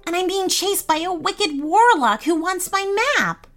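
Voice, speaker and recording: A woman voicing Nora, a plucky young girl in a storybook, speaking high and insistently. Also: very animated, a little slow, a bit bright, faint music behind, exaggerated voice.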